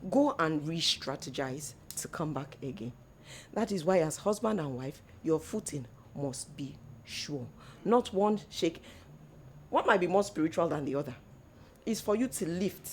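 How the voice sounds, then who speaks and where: A woman's voice: low-pitched, lively intonation, measured pace, a little mellow, slight background noise. Earnest woman giving marriage advice. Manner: earnest, exhorting, mixes in local slang. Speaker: co-host, church mother. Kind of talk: faith-based advice talk.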